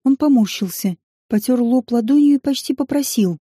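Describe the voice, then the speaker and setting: Woman narrating an audiobook, fairly high voice but super mellow, even and measured. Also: husky, dry recording, clean studio sound.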